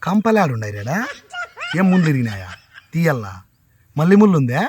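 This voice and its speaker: A man acting a hard-of-hearing uncle in a village comedy skit, mishearing everything and scolding loudly. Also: fairly high pitch, big pitch swings, brisk, slight background noise.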